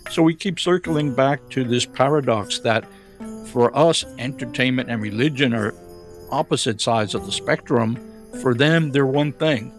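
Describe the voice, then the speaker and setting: A man's voice: mid-range voice, moderate pace, faint music behind. Thoughtful male professor explaining. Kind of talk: expert commentary.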